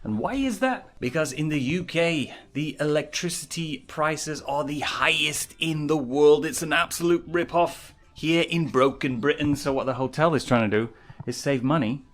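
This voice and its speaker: A British vlogger with a fairly high, slightly bright voice walks through a hotel and city streets for his travel vlog. Speaking at normal speed, he complains with exasperated, mocking remarks.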